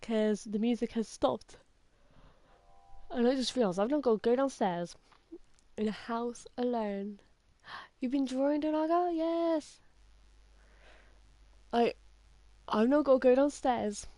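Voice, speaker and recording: A woman streamer reading a horror story aloud on a game stream, halting and correcting herself often. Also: on the high side, warm tone, no room sound. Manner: halting, with many restarts and self-corrections.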